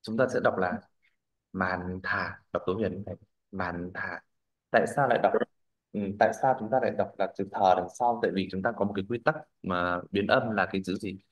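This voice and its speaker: A man's voice: on the low side, quick pace, poor audio. A male language teacher, leading a classroom pronunciation drill. He models words, corrects students, and keeps checking that they follow.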